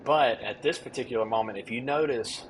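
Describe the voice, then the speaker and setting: A man's voice: mid-range voice, a little fast, a little hiss or hum. A man giving a casual, explanatory voice-over as a storm chaser narrating his own footage.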